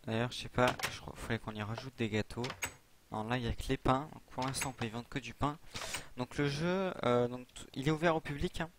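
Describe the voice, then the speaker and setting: A man's voice: mid-range voice, brisk, noisy background. A young man giving a casual gameplay tutorial, rambling with many fillers and restarts as he explains a modded server. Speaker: server admin giving a modded game tour.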